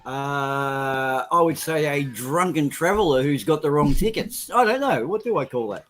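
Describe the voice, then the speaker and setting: Man, dry teasing humor, casual chat at a poker game, fairly high voice. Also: lively intonation, normal speed, a bit bright, soft background music. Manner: dry, teasing joke-teller.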